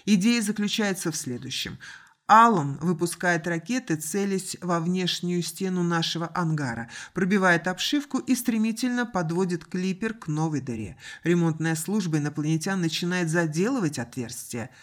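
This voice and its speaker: A woman voicing a determined male spaceship captain who speaks in a measured, earnest and insistent way. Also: lowish voice, lively intonation, lightly acted.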